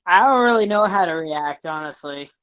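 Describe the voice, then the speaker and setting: Woman guest, lowish voice, kinda hesitant questions, dull lo-fi mic. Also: lively intonation, normal speed, a bit bright. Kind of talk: casual podcast chat.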